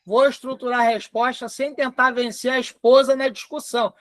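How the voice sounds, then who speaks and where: A man with a Brazilian Portuguese accent teaching a live online class in a chatty way, often dictating slowly word by word. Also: extremely high pitch, little pitch movement, fairly bright tone, no room sound, clean studio sound. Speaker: instructor.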